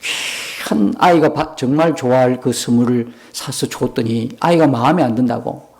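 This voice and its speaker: A man's voice: mid-range voice, moderate pace, darkish tone. A male pastor, preaching a sermon in an emphatic storytelling manner and acting out prayers in shifting tones. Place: church sanctuary.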